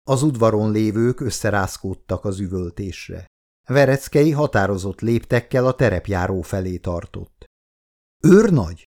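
A man narrating an audiobook in a steady, measured storytelling manner. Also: on the low side.

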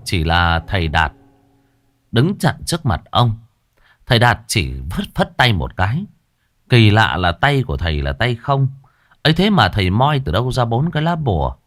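A man narrating a ghost story in a dramatic, expressive way. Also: on the low side, normal speed, no room sound, studio quality.

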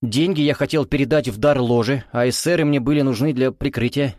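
A man's voice: mid-range voice, fairly quick, darkish tone, no room sound, studio quality, lightly acted. Male reader playing a nervous, cornered man who babbles his excuses. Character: flustered, frightened man caught lying.

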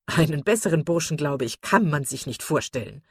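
A woman reading the part of a hearty, blustering country squire, blunt and loud. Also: low voice, expressive, a little fast, breathy edge, dry recording, clean studio sound, heavily acted.

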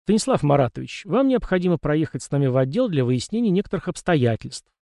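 A gloating middle-aged police investigator, put on by a male audiobook reader, pitched higher and pushed louder than the narration. The voice sounds self-satisfied and sure of himself, and the recording is dry and close. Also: very animated, fast, gravelly, no echo. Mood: smug.

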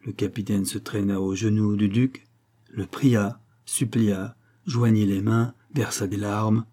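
Mellow male audiobook narrator. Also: fairly low pitch, little pitch movement. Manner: measured, dramatic reading. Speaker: audiobook reader. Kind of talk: scripted narration of a classic novel.

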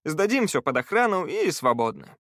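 A man reading an audiobook, voicing a cheerful, practical male treasure hunter in a raised, lively voice. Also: on the high side, normal speed, no echo, clean studio sound, voice pushed up. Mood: brisk.

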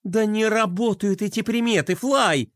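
A man voicing a skeptical young skateboarding girl in a children's story, with a scoffing, excitable way of talking. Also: high voice, unhurried, no room sound, studio quality, voice pushed up.

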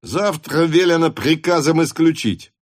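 Man voicing a hot-tempered shouting cavalry officer. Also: a little high, expressive, a little slow, voice pushed up. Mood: blustering. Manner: shouting, blustering.

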